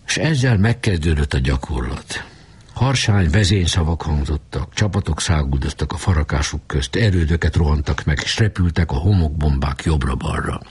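Deep, husky male storyteller. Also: lively intonation, darkish tone. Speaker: audiobook reader. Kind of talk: scripted narration.

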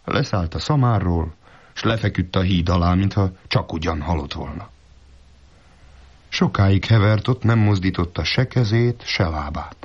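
A man narrating a folk tale in a steady, measured way. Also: on the low side, gravelly, slightly rough. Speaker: storyteller. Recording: dull lo-fi recording.

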